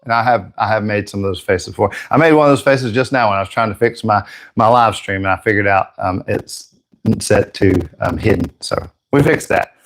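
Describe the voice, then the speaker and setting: A man's voice: on the low side, fairly quick. A man hosting a live airbrush painting stream, chatting casually and joking with viewers, slightly out of breath.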